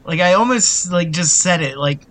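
A young man co-hosting a movie podcast, riffing on wordplay with a high, bright voice. His pitch jumps around a lot as he jokes. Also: animated, normal speed. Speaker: podcast co-host. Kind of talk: casual movie podcast chat.

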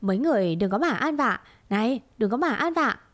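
A woman's voice: on the high side, expressive, brisk, dry recording, lightly acted. A woman doing a hot-tempered cart pusher. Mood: defensive.

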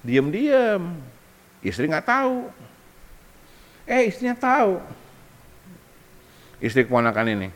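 A man's voice: high-pitched, slow, pauses often. A man preaching a humorous Islamic sermon, joking and acting out little scenes as he tells stories. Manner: joking, animated storytelling with acted-out quotes. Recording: long hall reverb.

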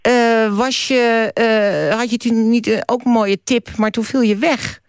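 A late-night radio host chatting casually with callers, lively and full of fillers. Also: mid-range voice, measured pace, clear, resonant tone, no room sound, studio quality. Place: radio studio.

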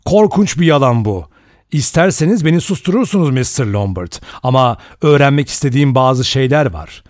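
A man reading an audiobook and voicing a gruff, suspicious ex-policeman who talks bluntly and keeps prying. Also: medium pitch, expressive, moderate pace, a little mellow, no room sound, studio quality, close to an everyday voice. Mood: gruff, defiant.

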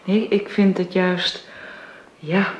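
An actress playing a timid, humble young woman who speaks softly and apologetically, heard as in an old radio show. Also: on the low side, level tone, slow pace, echoey room, highs cut off, a little hiss or hum. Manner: soft-spoken, apologetic. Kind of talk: radio drama acting.

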